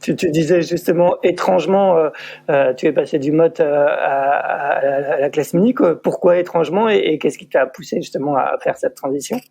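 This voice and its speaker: Guy hosting a podcast, kinda high mellow voice, stumbles over his questions. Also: gravelly, husky. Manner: halting, repeats words while asking. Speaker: podcast host. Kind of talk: interview questions.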